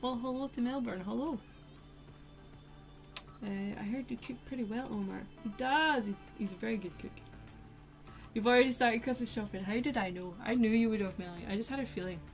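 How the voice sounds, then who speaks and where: A woman's voice: fairly high pitch, a little fast, faint music behind, poor audio. A young woman chatting casually with her viewers as she paints on a livestream, laughing often and talking to herself. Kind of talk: casual chat while painting.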